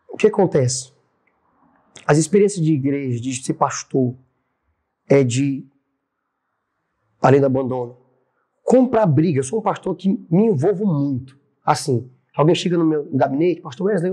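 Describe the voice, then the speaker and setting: A man with a Brazilian Portuguese accent, a pastor, tells his faith story on a podcast. His voice sits a bit high with a husky edge, and he brings his anecdotes to life by acting out the voices of the people involved. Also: expressive, measured pace, pauses often, mellow. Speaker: pastor and church president, podcast guest.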